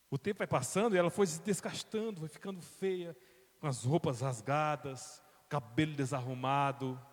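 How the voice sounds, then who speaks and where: Man, Brazilian accent, pastor, dramatic storytelling sermon, long church echo. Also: medium pitch. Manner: dramatic, swings from quiet to loud.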